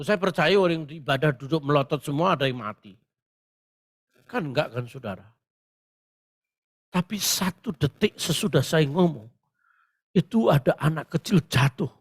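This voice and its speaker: A male pastor preaching a Pentecostal sermon, telling stories with great animation and breaking into shouted proclamations. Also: fairly high pitch.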